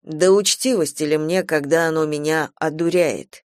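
A man's voice: a little high, fairly even intonation, normal speed, clean tone, no echo, studio quality, close to an everyday voice. A man playing a steadfast, devoted farm manager who speaks earnestly and bluntly in a radio play. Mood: blunt reproachful.

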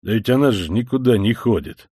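A man's voice: lowish voice, lively intonation, fairly quick, mellow, slightly rough, no room sound, studio quality. A man reading an audiobook, voicing an impatient grown man who grumbles and swears. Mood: irritated.

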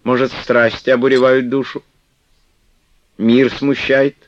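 A man's voice: mid-range voice, little pitch movement, takes it slowly, a little hiss or hum, voice pushed up, lightly acted. A man reading the part of a stern but loving elderly abbess in solemn, archaic speech. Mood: pleading. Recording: dull, dry lo-fi recording.

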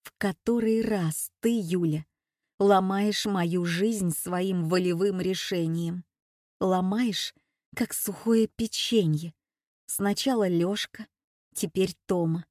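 Hurt middle-aged mother, reproachful, sharp, deliberate, voiced by a woman. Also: mid-range voice, lively intonation, no echo, clean studio sound, lightly acted. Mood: cold.

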